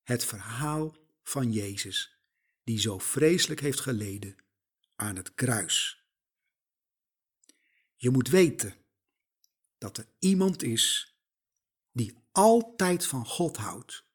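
A man preaching a sermon, slow and emphatic, putting rhetorical questions straight to the listener. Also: medium pitch, lively intonation, slightly rough.

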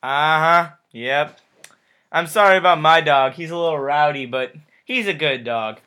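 A man with a high, bright voice hosts a jokey homemade news report. He sounds loose and playful and keeps the patter going. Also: a little slow, clean tone. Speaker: mock news host. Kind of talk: playful mock news sketch.

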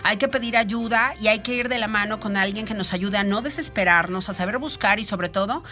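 A woman's voice: medium pitch, fairly quick, sharp tone. A woman with a Mexican accent presenting and interviewing as a radio show host in a studio. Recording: music playing behind. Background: background music.

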